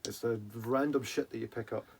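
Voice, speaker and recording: A man's voice: medium pitch, fairly even intonation, brisk. A man chatting casually as co-host of a drinks show, rambling and often trailing off mid-thought. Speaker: co-host of a whisky review show. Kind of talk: casual chat. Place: attic room. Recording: clearly noisy room recording.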